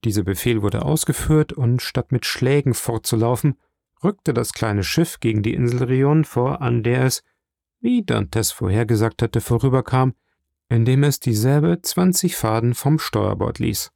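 A man reading an audiobook aloud in a steady, measured way. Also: medium pitch, creaky, no echo, studio quality. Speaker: audiobook narrator. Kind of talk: scripted narration.

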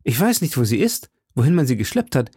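Playful young swordsman, narrator doing the voice, mock-serious, gravelly edge, dry sound. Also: medium pitch, expressive, normal speed, darkish tone, no room sound. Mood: distressed. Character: lively young male swordsman, teasing and warm. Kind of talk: audiobook reading.

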